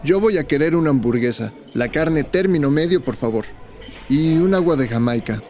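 A man's voice: on the high side, expressive, moderate pace, a little mellow. A man with a Mexican accent, talking in an easygoing way in a scripted dialogue. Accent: Mexican Spanish. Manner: easygoing, conversational. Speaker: character Roberto in a teaching dialogue.

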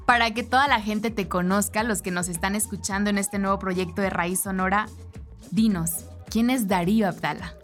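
A woman's voice: mid-range voice, normal speed, fairly bright tone, soft background music. Chatty Mexican woman radio host. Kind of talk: radio interview. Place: radio booth. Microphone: studio microphone.

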